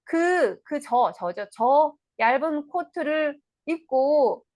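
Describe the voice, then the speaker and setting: A woman tutor giving an online lecture on an English play, reading lines slowly and explaining them in Korean, with questions to the viewers. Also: high voice, animated, a little mellow, dry recording.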